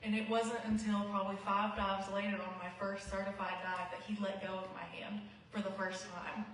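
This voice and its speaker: A woman who calls herself quiet, giving an earnest, heartfelt memorial speech. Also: medium pitch, flat delivery, moderate pace, slight background noise. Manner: self-described quiet, not a talker; earnest and heartfelt. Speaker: eulogy speaker. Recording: echoey hall, mic far off.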